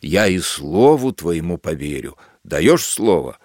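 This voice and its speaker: A man's voice: low voice, big pitch swings, takes it slowly, no echo, studio quality, voice pushed down, exaggerated voice. Man voicing a sly sadistic lieutenant. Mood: mock-kindly. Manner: mock-kindly coaxing, then gleeful shouting. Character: sly sadistic male army lieutenant, feigning mercy. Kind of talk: audiobook character voice.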